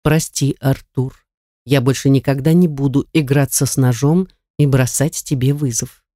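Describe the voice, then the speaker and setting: A reader voicing a cold, domineering male kidnapper in an audiobook, speaking in a dry, flat, metallic, commanding tone. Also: mid-range voice, normal speed, no echo, close to an everyday voice. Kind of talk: audiobook character voice.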